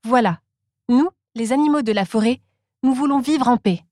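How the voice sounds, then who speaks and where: A woman voicing a polite, eager monkey in a children's storybook reading, speaking gently and softly. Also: on the high side, normal speed, no echo, clean studio sound, pitched above the performer's own voice, natural voice. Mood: earnest. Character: polite eager monkey, small forest animal.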